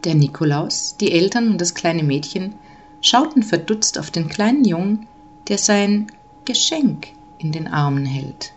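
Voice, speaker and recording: A woman gently reading a children's Christmas story aloud, measured and calm. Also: fairly low pitch, highs cut off, a little hiss or hum.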